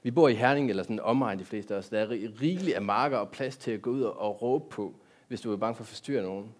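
A man giving a sermon in a church, talking directly to the congregation and asking them many rhetorical questions. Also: lowish voice. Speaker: pastor.

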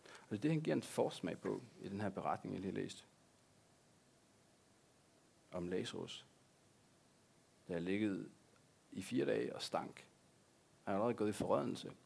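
A man's voice: on the low side, animated, gravelly, long pauses, a little mellow, a little hiss or hum. A man, a pastor, preaching a sermon in an earnest way, repeating key words for emphasis.

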